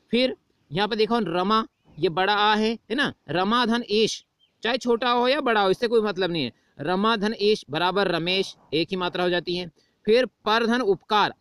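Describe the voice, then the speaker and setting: A man's voice: sits high, fairly bright tone, clear, resonant tone, no echo. A male teacher giving a classroom grammar lesson, explaining step by step and answering his own questions.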